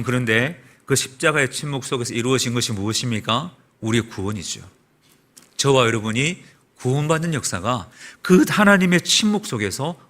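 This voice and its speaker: Male pastor, church sermon, animated rising and falling voice, bright tone, rhetorical questions. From South Korea. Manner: preaching with rhetorical questions and lively swings in pitch and volume. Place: church sanctuary.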